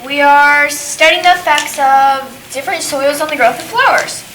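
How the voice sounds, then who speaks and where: A woman's voice: high voice, fairly even intonation, normal speed, sharp tone. A woman playing a sneaky, inventive schoolgirl who talks in a drawling, evasive way. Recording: echoey room with noise.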